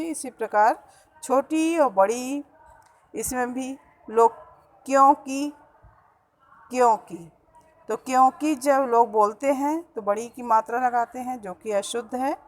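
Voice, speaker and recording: A woman's voice: fairly high pitch, rough recording. A woman teacher giving a school grammar lesson, patiently repeating words to show the correct pronunciation. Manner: slow, patient, repeats each word to stress correct pronunciation.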